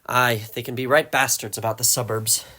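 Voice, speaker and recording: A man's voice: little pitch movement, a little fast, pushed and bright. A man voicing a blunt police constable. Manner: blunt, low and soothing.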